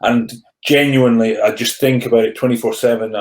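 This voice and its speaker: A rugby player turned coach, a man in his thirties, shares his story candidly as a podcast guest in an echoey room. He has a stammer he mostly keeps under control, and his steady, mid-range voice runs a little fast as he earnestly repeats words and restarts.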